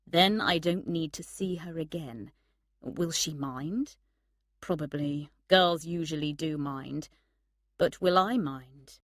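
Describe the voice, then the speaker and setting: A woman reading the flat, uninterested lines of a carefree young man in a storybook reading. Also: low voice, takes it slowly, no echo, clean studio sound.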